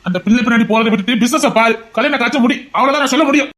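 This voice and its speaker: An actor playing a stern middle-aged father who scolds his son about marriage in a fast, insistent voice. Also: very high-pitched, a bit bright. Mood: exasperated. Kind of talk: amateur audio drama.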